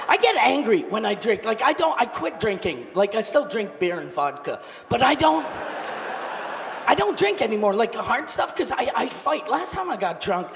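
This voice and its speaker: A man with a high, bouncing voice does crude stand-up, jumping from shouted punchlines to quiet muttered asides. He works a handheld mic on a big theater stage. The sound rings with a long hall reverb and steady crowd ambience. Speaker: stand-up comedian. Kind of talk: stand-up comedy set. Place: large theater at a comedy festival. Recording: live hall with reverb, audience noise.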